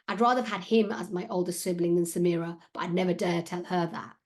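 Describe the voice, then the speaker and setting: A woman author reading the first chapter of her children's novel, in an expressive, steady storytelling manner. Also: on the low side, fast talker.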